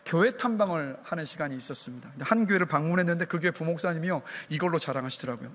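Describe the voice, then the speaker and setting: A man preaching a sermon with a high, ringing voice, his lines trailing off in the long echo of a church sanctuary. A pastor from the Chungcheong region, he keeps putting questions to his congregation and drives toward forceful climaxes. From South Korea, Chungcheong region. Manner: fires rhetorical questions at the congregation, rising to emphatic peaks. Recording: long reverb of a church hall.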